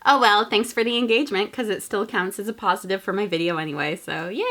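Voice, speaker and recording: Bright, lively young woman vlogger with hiccups. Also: mid-range voice, a little fast. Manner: chatty and excitable, with hiccups. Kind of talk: casual vlog chat.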